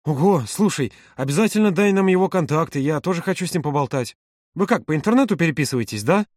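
A man's voice: a little high, expressive, quick pace, darkish tone, dry recording, studio quality, voice pushed up, close to an everyday voice. A man voicing an eager, curious woman. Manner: eager, questioning. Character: warm, chatty, curious woman.

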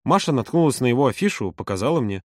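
A man's voice: medium pitch, very animated, quick pace, a little mellow, dry recording, studio quality. A man reading an audiobook, voicing a reserved man who answers briefly and with restraint. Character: reserved, terse grown man.

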